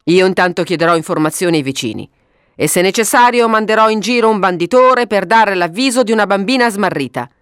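A woman voicing a sensible, kindly middle-aged father who talks briskly and gives orders in a read-aloud story. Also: mid-range voice, lively intonation, clear, resonant tone, dry recording, clean studio sound, close to an everyday voice. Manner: brisk, commonsense, bossy.

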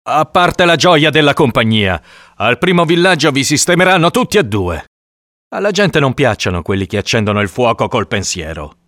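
A man's voice: lowish voice, big pitch swings, fairly quick, a bit bright, dry recording, clean studio sound. A man reading the part of a blunt, exasperated adult hunter in an audiobook. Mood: sarcastic. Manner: blunt, practical.

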